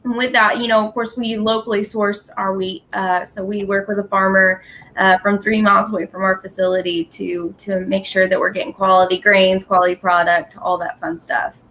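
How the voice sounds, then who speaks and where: A woman's voice: mid-range voice, little pitch movement, normal speed, a bit bright, rough recording. A woman talking casually and explaining things as a company representative at a tasting. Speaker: distillery representative. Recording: clear background noise.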